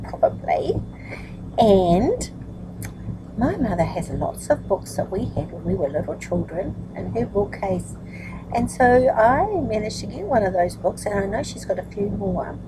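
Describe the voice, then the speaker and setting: An older woman of grandmother's age chats warmly with young children, asking tag questions, then reads books aloud as a nurturing storyteller. Her mid-range voice is sing-song and a little slow, and there is noise in the background.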